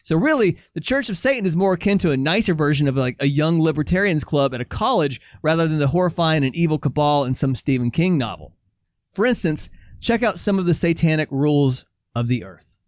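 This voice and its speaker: Male co-host, higher-pitched voice with lively swings, dry close sound, reads notes then cracks jokes. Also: a little fast, dry recording. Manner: animated, laughs often, reads facts then jokes. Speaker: podcast co-host. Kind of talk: casual chat, reading from notes.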